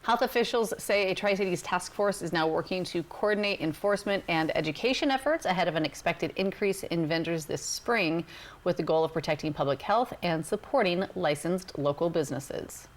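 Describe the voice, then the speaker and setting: Lower-pitched American woman news anchor. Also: a little fast. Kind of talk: scripted news reading.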